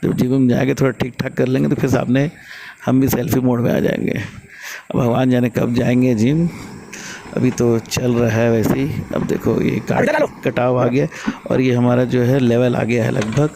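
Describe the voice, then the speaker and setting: Over a noisy background, a man gives a laid-back, explanatory vlog tour of a construction site, describing the machinery at work. His voice is mid-range and creaky, delivered at a moderate pace.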